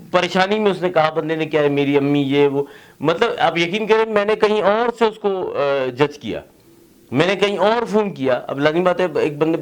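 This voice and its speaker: A man teaching English grammar in a casual, conversational lecture, mixing English terms into his explanations and often checking in with his students. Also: high voice.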